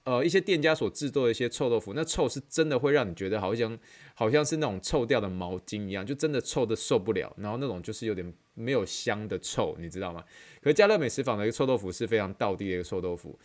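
A man's voice: fairly low pitch, lively intonation, quick pace. A man with a Taiwanese Mandarin accent hosting a podcast in casual, rambling chat that repeats phrases. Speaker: podcast host.

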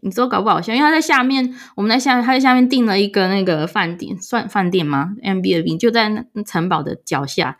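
A young woman, a podcast guest telling a story in casual chat, animated and laughing. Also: mid-range voice, brisk, few pauses. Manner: animated, laughing, acts out quoted voices.

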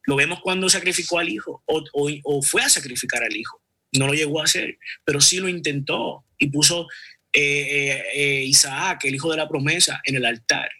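Husky, forceful man speaking earnestly. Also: fairly high pitch, normal speed. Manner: earnest, with many restarts. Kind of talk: religious conversation and storytelling.

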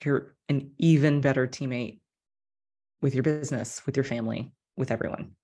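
A woman's voice: rumbling low, steady tone, normal speed, warm tone. A woman hosting a podcast group chat, effusive and emotional, with lots of affirming murmurs. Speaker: podcast host.

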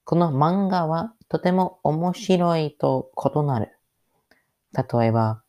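Very slow-talking man, halting learner's speech. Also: a little high, mellow. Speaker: podcast host. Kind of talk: solo podcast monologue.

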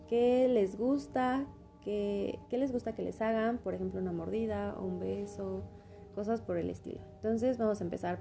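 A woman hosting and presenting a scripted educational talk, speaking clearly and instructively to young viewers. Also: mid-range voice. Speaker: host.

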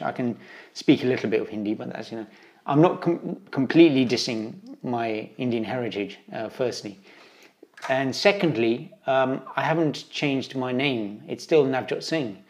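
A man with a British English accent, an interview guest talking earnestly and wandering off into side points. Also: mid-range voice. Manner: earnest, digressive. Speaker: interview guest, travel writer. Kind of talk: conversational interview answers.

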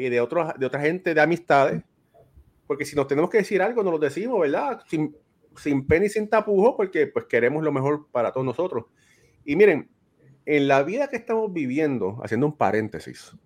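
A man hosting a casual podcast chat over a video call, giving earnest, fatherly advice and often tagging his sentences with a questioning "right?". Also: mid-range voice. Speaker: podcast host.

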